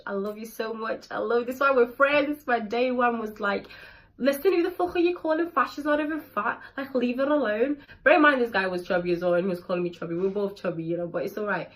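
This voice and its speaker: A woman's voice: medium pitch, a bit bright, low-quality recording. Young woman, vlogger; casual, candid, slangy storytelling to a camera mic. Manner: candid, slangy, swears freely. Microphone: built-in camera mic.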